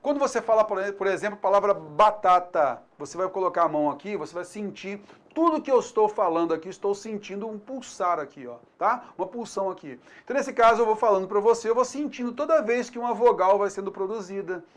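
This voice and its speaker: A man with a Brazilian accent teaching a video lesson, chatty and often checking in with the viewer, sounding out syllables slowly. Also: high-pitched, lively intonation.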